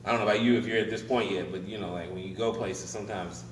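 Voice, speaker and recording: A lively comedian swapping old-school jokes in casual banter, laughing often. His voice sits at an everyday pitch. It rings in a hard-walled comedy club and sits back from the mic, with a faint hiss behind it. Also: fast. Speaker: comedy podcast co-host. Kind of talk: casual banter, joke-telling. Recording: echoey room from far off.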